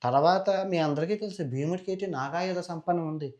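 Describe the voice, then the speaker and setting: A man's voice: fairly high pitch, fairly quick, a little mellow. A man, a channel host casually retelling an epic with chatty, moralizing asides.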